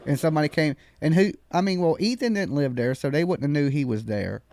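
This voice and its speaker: A man's voice: a little high, fast talker, a little mellow. A man hosting a live stream panel, chatting casually in a folksy, slangy way.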